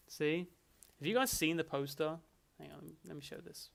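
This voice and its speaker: A man's voice: fairly high pitch, slow pace, gravelly. A man hosting a livestream, chatting casually and rambling through answers to chat questions with a joking manner. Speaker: livestream host.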